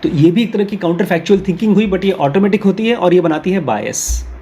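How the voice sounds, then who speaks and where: A man with a somewhat high, husky voice gives an explanatory talk, mixing Hindi with English phrases. He reads English sentences out slowly, then unpacks them in Hindi with everyday examples and little role-plays. The tone is that of a patient course teacher. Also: lively intonation, warm tone.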